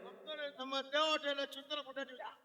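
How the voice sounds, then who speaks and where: A man's voice: very high-pitched, little pitch movement, a little fast, pushed and bright, long reverb tail. A man in a stage comedy dialogue, playing dumb with cheeky answers.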